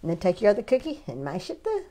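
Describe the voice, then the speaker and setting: A woman hosting a casual cooking demonstration in her home kitchen, chatty and halting with many restarts. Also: medium pitch, huge pitch swings, mellow, slight background noise. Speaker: cooking show host.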